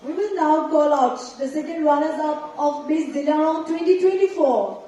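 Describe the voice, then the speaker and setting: A woman hosting a pageant live on stage, announcing in a pumped, projecting voice with drawn-out suspense. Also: high voice, dark tone, highs cut off. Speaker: pageant host announcing contest winners. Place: large echoing event venue with audience. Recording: echoey hall PA from far off, crowd.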